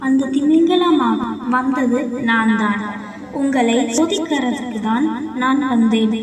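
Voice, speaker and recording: A woman voicing a calm, solemn female fairy spirit who speaks slowly and formally in a storybook tale. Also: high voice, echoey room, recorded from a distance, voice pushed down. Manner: slow, measured, formal speech.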